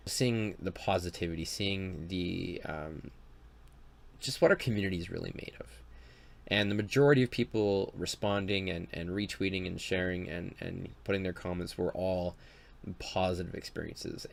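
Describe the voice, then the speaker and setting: A low-voiced man with a gravelly, stuffy voice, nasal and blocked from a cold. He talks to camera as a dungeon master, halting and earnest, circling back over his words. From Ontario, Canada. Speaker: dungeon master and video maker. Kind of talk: casual talk to camera.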